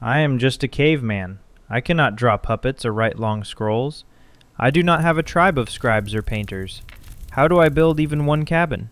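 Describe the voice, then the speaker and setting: A man's voice: mid-range voice, normal speed, no room sound, close to an everyday voice. A man voicing a humble, puzzled caveman in a scripted story, speaking plainly and questioningly. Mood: doubtful.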